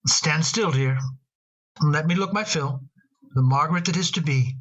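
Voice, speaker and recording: A man's voice: on the high side, muffled recording. A doting old-time radio father. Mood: tender. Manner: gentle, fond, halting. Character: tender doting father of a daughter. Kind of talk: radio drama acting.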